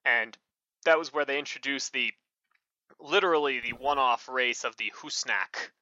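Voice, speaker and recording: A man's voice: mid-range voice, normal speed, pushed and bright, no room sound. A man co-hosting a podcast in casual chat, rambling with many fillers and self-corrections. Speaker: podcast co-host. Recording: muffled lo-fi mic.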